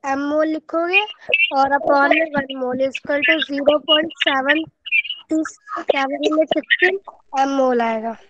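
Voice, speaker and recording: A woman's voice: high-pitched, a little slow, dull audio, background noise. A young woman student answering her teacher with short replies in an online class.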